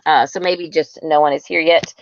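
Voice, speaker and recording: A woman's voice: low voice, fairly even intonation, moderate pace, dry recording. A woman hosting a casual live-stream book interview, heard over a phone. She talks in a chatty, upbeat way with many fillers and restarts. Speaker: host. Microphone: phone mic. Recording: dull, dry phone audio.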